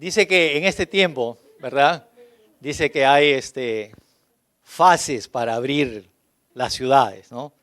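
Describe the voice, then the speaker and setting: A man's voice: medium pitch, takes it slowly, a bit bright, dry recording. A man with a Peruvian Spanish accent preaching a sermon as pastor, emphatic and building through long lists. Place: church.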